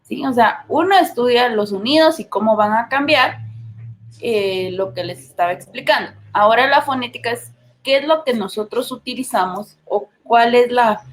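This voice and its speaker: A woman teacher with a Guatemalan accent explaining a lesson, checking in with tag questions and pausing on fillers. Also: a little high, a little hiss or hum. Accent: Guatemalan Spanish. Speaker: literature teacher. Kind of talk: recorded class lesson.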